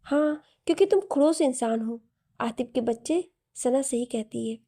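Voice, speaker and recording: A woman's voice: sits high, moderate pace, mellow. A woman voicing a playful, teasing young woman in a story. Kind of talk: storybook narration.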